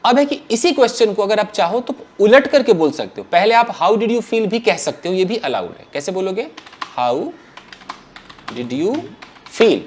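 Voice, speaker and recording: Lively man teaching English grammar. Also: high voice, a little slow, slight background noise. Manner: animated, questioning the class and answering himself. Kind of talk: classroom grammar lesson.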